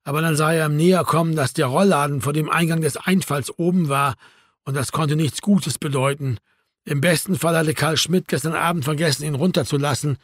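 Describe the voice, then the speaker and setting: A man narrating a novel in a wry, even storytelling manner. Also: on the high side, no echo, clean studio sound. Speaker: audiobook narrator. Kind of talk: scripted narration.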